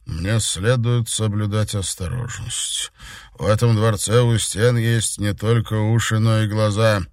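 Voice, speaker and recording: A man's voice: lowish voice, steady tone, a little slow, no room sound, clean studio sound, close to an everyday voice. Man voicing a stern, secretive emperor. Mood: measured. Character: powerful middle-aged emperor father, stern and secretive.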